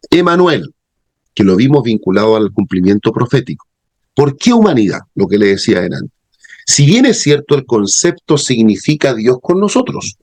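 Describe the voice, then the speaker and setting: A man's voice: lowish voice, darkish tone, dry recording. A man teaching a theology class, explaining terms and checking in with his students. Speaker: theology professor. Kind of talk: classroom lecture.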